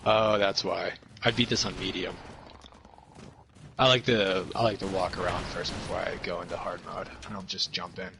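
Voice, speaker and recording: Young male guest, lowish, rambly and profane, gaming from home, heavy game gunfire behind. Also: little pitch movement, vocal fry, background noise. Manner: rambling, halting, swears often. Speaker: podcast guest. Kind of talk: casual chat while gaming. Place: home, at his girlfriend's parents' place. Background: video game gunfire and explosions.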